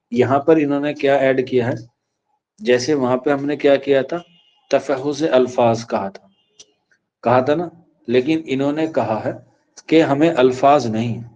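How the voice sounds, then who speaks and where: A man's voice: mid-range voice, a little mellow. A man teaches an exam-prep class in a medium voice. He poses questions to his students and says key lines over and over so they can write them down. The recording sounds dull and lo-fi. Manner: repeats key phrases slowly for dictation; asks the class questions then answers them.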